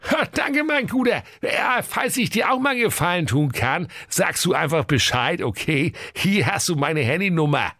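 A man's voice: fairly high pitch, sing-song, normal speed, few pauses, bright, forceful tone, dry recording, studio quality, pitched above the performer's own voice, full character voice. A man voicing a sulky, overworked hunter in a comic storybook reading, whining and complaining in a chatty way. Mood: grateful.

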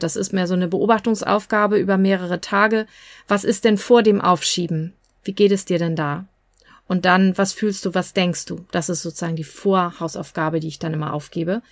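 A woman's voice: medium pitch, fairly even intonation, normal speed, no room sound, clean studio sound. A woman coach and podcast host giving advice in a conversational, explanatory way, with fillers here and there.

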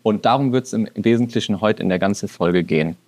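A man in his twenties co-hosting a podcast, talking in a relaxed, colloquial way. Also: fairly low pitch, fairly quick. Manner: relaxed, colloquial, often says "Junge". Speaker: podcast co-host. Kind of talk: casual podcast chat.

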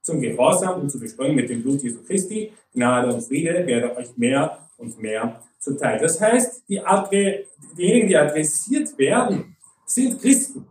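High-voiced German-speaking preacher in a roomy hall. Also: male voice, very animated, a little mellow, distant mic. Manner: conversational, often asks "nicht?" and "okay?"; reads Bible verses slowly and deliberately. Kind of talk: sermon.

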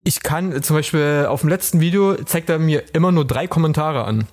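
Joking co-host, slightly high voice. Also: male voice, a little fast, darkish tone. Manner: joking, laughs along. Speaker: podcast co-host. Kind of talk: casual podcast chat.

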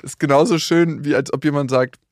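A man in his thirties co-hosting a podcast in casual chat, an animated storyteller who laughs a lot and acts out dialogue. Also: a little high, fairly quick, no room sound, clean studio sound. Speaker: podcast co-host.

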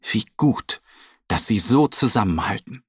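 A man reading a children's story aloud in a slow, lively, expressive way. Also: on the low side, music in the background.

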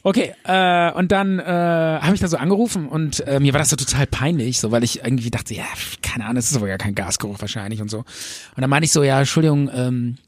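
A man's voice: mid-range voice, quick pace, few pauses, no echo. A man on a podcast telling a long anecdote in casual chat, full of fillers, acting out what other people said. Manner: rambling anecdote with filler words, acts out other people's lines. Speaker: podcast co-host.

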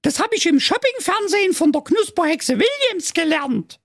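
A man voicing a whiny young princess, shrill and squealing, with a Saxon accent. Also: very animated, normal speed, dry recording, clean studio sound, full character voice.

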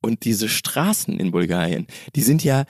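A man around thirty co-hosting a podcast, telling an anecdote in a casual, animated way and laughing often. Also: lowish voice, normal speed, no echo, clean studio sound. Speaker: podcast co-host. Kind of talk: casual storytelling chat.

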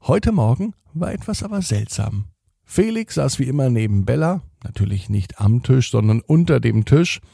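A man narrating a children's story slowly and gently, with expressive read-aloud delivery. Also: medium pitch, creaky, husky, no room sound, clean studio sound.

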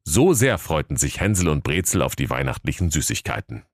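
A man narrating a comic fairy tale for children in a mock-solemn, lively storytelling manner. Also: a bass voice, a little fast, no echo, studio quality.

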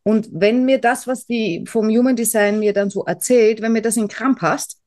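A woman's voice: a little high, fairly even intonation, normal speed, darkish tone. A woman co-hosting a podcast in casual chat, rambling and self-mocking, with many fillers and restarts. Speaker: podcast co-host.

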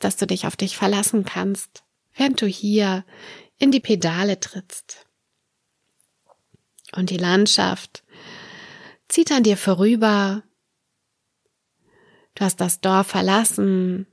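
Slow, gently guiding woman in meditation. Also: medium pitch, vocal fry, no room sound, studio quality. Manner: slow, soothing, gentle phrasing in short pieces with pauses. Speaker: guided meditation narrator. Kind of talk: guided meditation, a calm narrated dream journey.

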